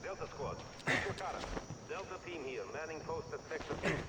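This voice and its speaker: A patrolling security guard in a video game, heard over a two-way radio. He trades clipped reports and check-ins in a slightly raised voice. The radio sounds far off under loud background noise. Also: on the high side, fairly quick. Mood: routine. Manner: clipped radio call-and-response.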